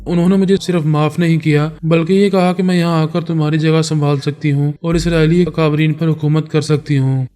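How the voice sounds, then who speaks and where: A woman's voice: sits low, fairly even intonation, few pauses, warm tone, faint music behind, natural voice. A man voicing a domineering female telepath who scolds and accuses in a storybook reading. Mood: stern. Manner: stern, accusing.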